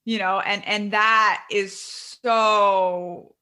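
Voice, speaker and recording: A woman in her thirties, a guest author, telling her story candidly in a conversational interview. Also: mid-range voice. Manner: candid, quick, animated storytelling.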